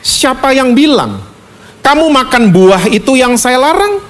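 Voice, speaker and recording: A male preacher voicing God asking gentle, searching questions without anger. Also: very high voice, animated, measured pace, pitched above the performer's own voice. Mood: questioning. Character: God seeking, calm questioning, not angry.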